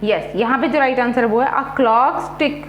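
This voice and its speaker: Slow, high-voiced woman teacher. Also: roomy sound, a little hiss or hum. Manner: poses questions, repeats options slowly, then gives the answer. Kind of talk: exam prep quiz lesson.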